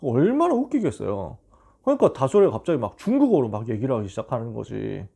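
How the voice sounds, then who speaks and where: Male youth pastor, animated, gravelly dark voice, chatty storytelling sermon. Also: mid-range voice, fast. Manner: casual storytelling, acts out quoted voices. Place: church.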